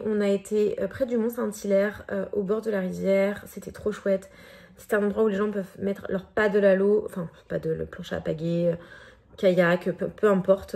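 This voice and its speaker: A French woman in her thirties with a French accent chats casually in her vlog. Her mid-range voice is creaky and dark-toned, and her speech is full of hesitations and fillers.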